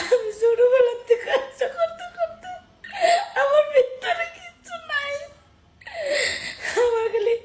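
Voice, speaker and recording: A woman's voice: very high-pitched, darkish tone, echoey room. A middle-aged woman, crying and pleading as she talks into the camera. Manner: tearful, sobbing while speaking, pleading. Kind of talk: emotional direct-to-camera vlog.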